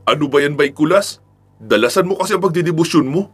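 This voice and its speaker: A brash young fighter from an audio storybook, as a male narrator puts him on, talking fast and loud in a raised, bright voice. He teases and barks orders with easy confidence. Faint music plays underneath. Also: fairly high pitch, expressive, breathy edge, voice pushed up. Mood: teasing. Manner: loud, quick and teasing.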